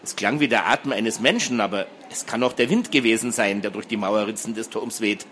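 A man reading a fantasy story and voicing a calm, sensible teenage girl who speaks softly. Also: fairly low pitch, brisk, a little hiss or hum, natural voice. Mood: calm hushed. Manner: soft, calm, reassuring. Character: calm, level-headed teenage girl, twin sister.

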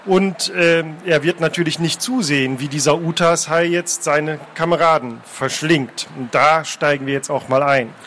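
A man reading fantasy adventure prose aloud, taking turns with a second reader and shouting out the characters' cries. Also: fairly high pitch, normal speed, hardly any pauses, slight background noise. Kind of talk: dramatic book reading, alternating narration.

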